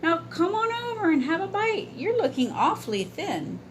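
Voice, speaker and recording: Lady doing a sweet cheerful little boy for a kids story, really high voice, bit of noise. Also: big pitch swings, moderate pace. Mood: coaxing. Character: kind, cheerful young boy befriending a bird.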